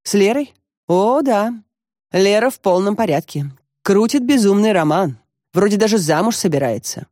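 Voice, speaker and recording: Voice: medium pitch, expressive, moderate pace, a little mellow, no room sound, studio quality, voice pushed up, close to an everyday voice. An audiobook narrator voicing a troubled middle-aged man, talking in a brooding, confessional way.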